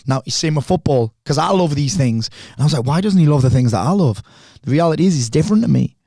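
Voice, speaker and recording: Middle-aged man, podcast guest, animated storyteller, quick delivery, dry close mic. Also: on the high side, creaky, no echo. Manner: animated storyteller, swears freely. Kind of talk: casual conversation.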